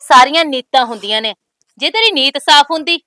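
Defiant young bride, high bright voice, dry close sound. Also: female voice, animated, fairly quick, dry recording. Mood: scolding. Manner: bold, scolding, proverb-laden retorts. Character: sharp-tongued young newly married woman, defiant. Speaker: actress. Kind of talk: village family drama acting.

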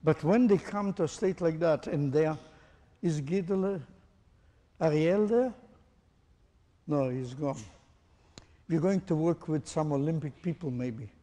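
A man's voice: fairly high pitch, measured pace, pauses often, dark tone, big-room sound. A man teaching a group, asking pointed questions and demonstrating with his own body. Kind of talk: interactive lecture to a group.

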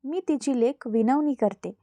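A humble young princess pleading gently and politely with an old woman, as a woman narrator puts her on. Her voice is high and warm-toned, recorded close and dry. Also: moderate pace, no echo, lightly acted. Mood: pleading, gentle.

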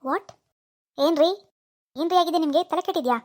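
A woman's voice: high-pitched, brisk, darkish tone, close to an everyday voice. A woman voicing an irritable male pawnbroker in a cartoon, scolding and impatient. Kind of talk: animated cartoon dialogue.

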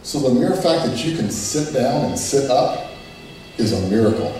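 Here a father tells his own story at a normal speed, his voice medium in pitch. His delivery is simple and sincere, turning emotional at points, and he brings quoted speech to life with vivid voices. The audio feels distant and full of echo, with gentle music in the background.

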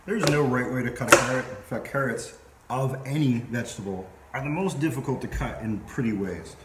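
A man's voice: medium pitch, a little fast. A man in his forties hosting a casual home cooking vlog, chatting playfully to the camera while he chops vegetables in his kitchen. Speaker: cooking show host. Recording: echoey kitchen with clear background noise.

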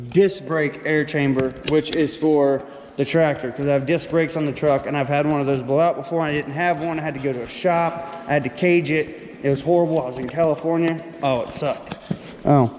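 His voice sits on the high side with a darkish tone as he casually walks viewers through his trucking gear in informal slang. The handheld camera, set on a small tripod without a foam cover, gives reverberant, noisy sound with handling clicks.

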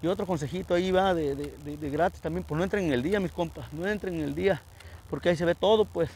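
Man, middle-aged, northern Mexican Spanish accent, high-pitched, casual slangy storytelling, repetitive. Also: quick pace, darkish tone, slight background noise, poor audio. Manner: chatty, repetitive, slangy, addresses viewers as buddies. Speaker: vlogger.

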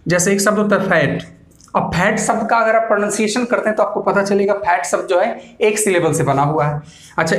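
A male English grammar teacher giving a classroom lecture, explaining step by step, repeating points and answering his own questions. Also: high-pitched. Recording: echoey room.

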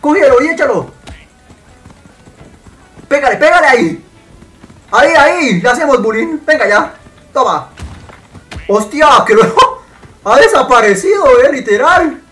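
Excitable man shouting over gameplay. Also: very high-pitched, unhurried, pauses often, faint music behind. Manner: excitable, shouts and swears at the game. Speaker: gaming YouTuber. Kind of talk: gameplay commentary.

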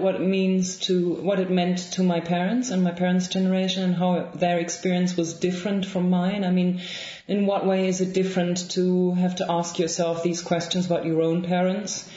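A German-accented woman speaks at a normal pace in a lowish, level voice as a guest author in a reflective interview, soft-spoken and thoughtful with many ums and restarts. She's indoors in a home room with bookshelves, and the audio is roomy, a bit dull and lo-fi.

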